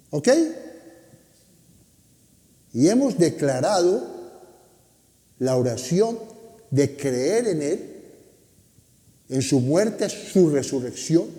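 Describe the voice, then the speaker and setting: A man's voice: sits high, dark tone. A man preaching a sermon as pastor, emphatic and often asking the congregation questions. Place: church hall. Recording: echoey hall.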